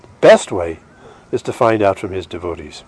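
A man giving an informal devotional lecture as a religious teacher, short of breath and halting, with restarts. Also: low voice, animated, slightly rough.

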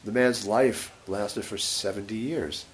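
A man giving a scripture lecture as a religious teacher, short of breath, halting and pausing mid-sentence. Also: fairly low pitch. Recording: faint background hiss.

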